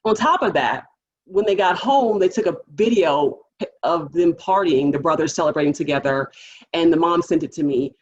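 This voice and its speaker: A woman public defender telling a courtroom story to a panel audience, lively and animated, acting out the people she quotes. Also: sits low, normal speed, breathy edge, lo-fi sound.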